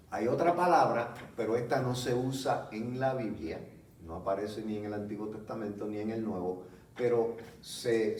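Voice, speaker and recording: A man preaching a teaching sermon, explaining slowly and checking in with his listeners. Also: fairly low pitch, darkish tone. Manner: slow, explanatory, frequent "¿ok?" check-ins. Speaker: pastor. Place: church hall. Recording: echoey room from a distance, faint background noise.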